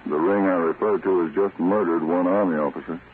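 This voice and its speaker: A tinny, noisy vintage recording of a 1940s radio drama features a man as a commanding American counter-spy chief, brisk and secretive. His low, natural voice with fairly even intonation stays grave and businesslike as he gives terse, authoritative, deliberate instructions.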